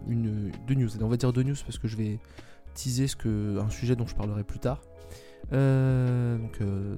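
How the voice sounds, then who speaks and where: Male solo podcast host, very dark warm tone, halting and full of fillers, faint background music. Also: mid-range voice. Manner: hesitant, many fillers and restarts.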